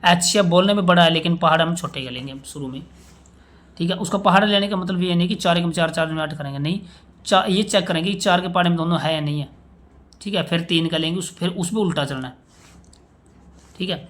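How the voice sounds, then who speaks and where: A man's voice: on the high side, fast, a bit bright. A man teaching a basic maths lesson, explaining each step and often checking that the class understands. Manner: explains step by step, often asks "samajh mein aaya?"; checks in with "theek hai" and recites times tables aloud.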